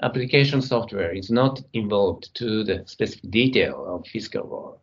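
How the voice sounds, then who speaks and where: A middle-aged man giving a technical conference keynote from his computer, speaking in a measured way as he talks through his slides. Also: fairly low pitch, expressive, husky, lo-fi sound. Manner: measured, reading slides, some non-native grammar.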